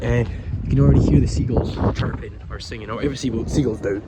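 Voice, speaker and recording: With a medium-pitched voice and a fast delivery, a young travel vlogger from Scotland narrates his day trip in a casual, rambling way, swearing now and again. He's filming on his phone outside in a windy coastal town and on city streets, so the recording is noisy.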